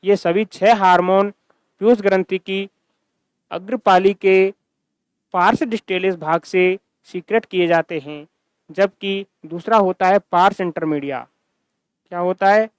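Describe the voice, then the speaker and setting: A man's voice: sits high, a little slow, pauses often, smooth, no echo. A man teaching a science lecture, repeating key terms and asking and answering his own questions. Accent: Hindi-speaking Rajasthan region. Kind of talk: recorded classroom-style lecture.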